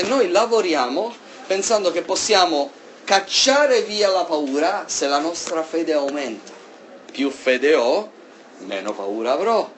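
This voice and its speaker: A man preaching a sermon in an animated way, swinging between loud emphasis and soft asides. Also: a little high, slight background noise.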